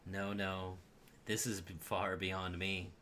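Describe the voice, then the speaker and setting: A man voicing a mysterious, chain-smoking woman in a tabletop game, speaking low and measured. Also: monotone, pushed and bright, exaggerated voice. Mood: grave. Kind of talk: tabletop role-play voicing.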